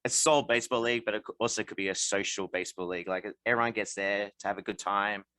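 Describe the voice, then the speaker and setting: A man's voice: on the low side, fairly even intonation, fast talker, sharp tone, smooth, dry recording. A man with an Australian accent who hosts a casual podcast and leads the talk by putting questions to his co-hosts. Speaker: podcast host.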